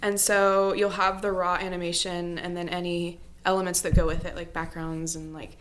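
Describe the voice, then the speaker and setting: A woman's voice: on the low side, level tone, moderate pace, a bit bright. A young woman chatting as a podcast guest, casual and easygoing, with lots of small fillers. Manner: chatty, laughs easily, trails off with fillers. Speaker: guest, compositor.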